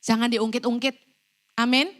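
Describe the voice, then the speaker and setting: A middle-aged woman preaching in a church, her voice high and bright. She tells her stories with animated energy, acting out what people said to her. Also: normal speed. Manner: animated storytelling, acting out quoted lines. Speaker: evangelist preacher. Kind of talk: sermon.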